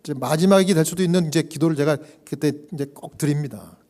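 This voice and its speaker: Higher-voiced Korean pastor telling a story. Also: male voice, quick pace. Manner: animated storyteller who acts out quoted voices; drops to a hushed whisper at solemn points. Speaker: pastor and hospital chaplain. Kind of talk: sermon storytelling. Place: church.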